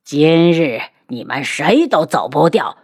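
A woman's voice: low voice, sing-song, slow, slightly rough, full character voice. A woman voicing a decisive, protective young prince in an audiobook, giving curt orders. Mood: commanding.

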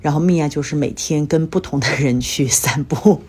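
A woman from China talks at normal speed in a deep, slightly mellow voice with a breathy edge. On her casual one-person podcast she chats and tells stories about daily life, coming across as a bit tired and under the weather.

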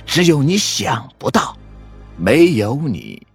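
A man voicing a sly male werewolf villain who taunts slowly and laughs as he speaks. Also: fairly high pitch, wildly swooping pitch, creaky, breathy edge, faint music behind, voice pushed up, exaggerated voice. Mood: taunting. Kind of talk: audiobook character voice.

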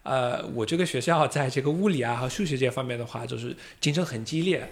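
An American man, a native English speaker, chats casually as a guest on a podcast. His voice is medium in pitch and he talks fast.

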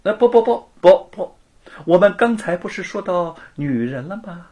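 A man voicing a gloating, sneering young rich lord who taunts and cackles in a high, shrill voice. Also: wildly swooping pitch, slow, a bit bright, husky, exaggerated voice. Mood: scornful.

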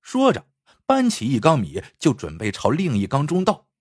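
A man's voice: mid-range voice, wildly swooping pitch, moderate pace, husky, dry recording. A man narrating a dramatic story expressively, acting out the scenes close to the mic.

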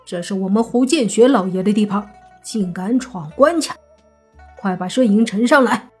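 Storybook soldier: woman voicing a brutish male tax guard, loud and abusive. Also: mid-range voice, moderate pace, slightly rough, soft background music, natural voice. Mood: bullying. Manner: shouting, abusive.

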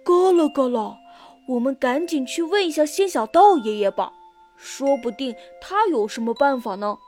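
A woman voicing a loud, excitable critter friend in a children's audio story, calling out eagerly. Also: sits high, normal speed, faint music behind. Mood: excited.

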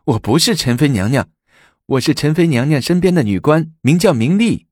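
A man's voice: on the high side, expressive, moderate pace, darkish tone, dry recording, clean studio sound, voice pushed up. A man voicing a brash, teasing young woman of the palace in a storytelling performance. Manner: teasing, breezy.

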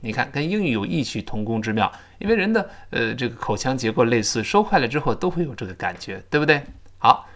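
A man teaching a spoken English lesson in Chinese, modelling English phrases slowly with a Chinese accent for listeners to repeat. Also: medium pitch, very animated, fairly bright tone.

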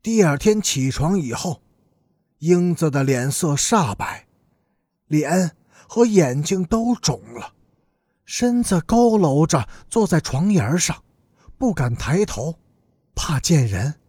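A man narrating a serialized audiobook story in a slow, deliberate, dramatic manner. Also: fairly high pitch, very animated, mellow, slightly rough, no room sound, clean studio sound.

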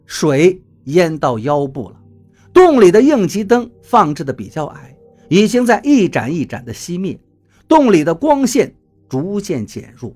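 A man reading a first-person story aloud in an expressive way, moving between tense and wry. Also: sits high, measured pace. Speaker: audiobook narrator. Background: faint music.

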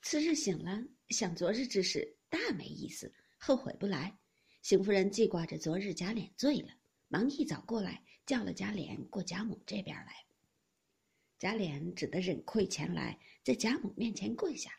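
A woman narrating a classical novel as an expressive audiobook storyteller. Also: medium pitch, moderate pace, vocal fry, slightly rough.

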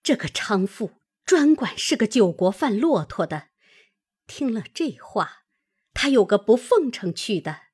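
A defiant young maid with a high, breathy voice that swings wide as she lashes out, as a woman reader puts her on. She scolds in sharp, heated bursts, proud and unwilling to give an inch, in a storybook reading. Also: very animated, a little slow, heavily acted. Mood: indignant.

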